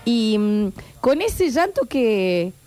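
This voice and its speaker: A woman's voice: on the high side, sing-song, very slow, warm tone, faint music behind. A woman with an Argentine accent, a radio co-host telling stories in a casual, playful chat. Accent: Argentine Spanish. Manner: chatty, playful storyteller.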